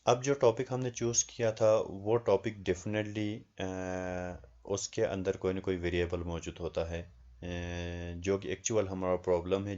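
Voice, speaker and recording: Very low-voiced man explaining slowly. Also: darkish tone, dull audio. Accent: Pakistani Urdu. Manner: explains slowly with many hesitations, reads questions aloud in English. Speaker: teacher. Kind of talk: lecture on a research assignment.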